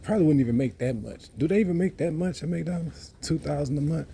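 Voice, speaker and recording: A man talks in a rambling, boastful monologue and circles back over the same points. His voice is dark and mellow. A faint hiss sits behind him. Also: a little high, fast, vocal fry. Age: 30s. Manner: rambling, boastful, repeats himself. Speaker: vlogger. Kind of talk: casual monologue.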